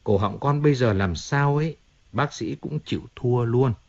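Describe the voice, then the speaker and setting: A man's voice: medium pitch, moderate pace, gravelly, darkish tone, muffled recording. A man reading a whining, self-pitying singer. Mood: despairing. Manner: complaining, emotional, pleading. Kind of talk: audiobook character reading.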